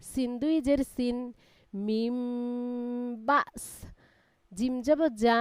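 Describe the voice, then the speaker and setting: A woman's voice: on the high side, extremely slow, smooth, dry recording. A woman teaching a live Quran reading class, spelling out letters one by one and patiently explaining the reading rules.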